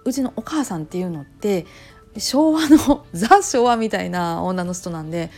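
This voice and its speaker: Chatty Kansai woman with a gravelly edge. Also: lowish voice, a little fast, soft background music. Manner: rambling, animated storytelling with many fillers. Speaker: channel host, temple wife and nurse. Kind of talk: casual chatty monologue.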